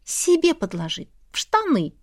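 A woman voicing a spirited young heroine, the eldest sister, in an audiobook, with a lively, warm manner. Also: high-pitched, unhurried. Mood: playful.

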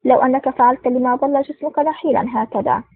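A woman's voice: sits high, quick pace, no room sound. A woman voicing a cheerful, teasing plump male lab technician in an audiobook. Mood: jovial. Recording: tinny phone-like sound.

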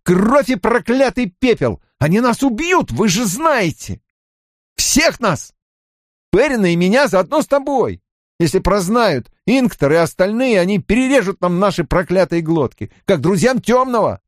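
A man's voice: sits high, sing-song, normal speed, a little mellow, dry recording, studio quality, pitched above the performer's own voice. A man voicing a frantic, cursing young man. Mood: panicky. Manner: frantic, exclaiming.

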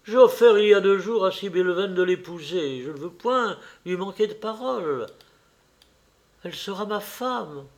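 A man's voice: high voice, animated, normal speed, pitched above the performer's own voice. A man reading an audiobook voices an earnest, impulsive young man who speaks with heightened emotion. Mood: pleading.

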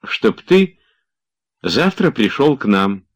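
A man's voice: lowish voice, sing-song, moderate pace, a little mellow, pitched above the performer's own voice. Teasing carefree young woman, as a man reads her. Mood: playful.

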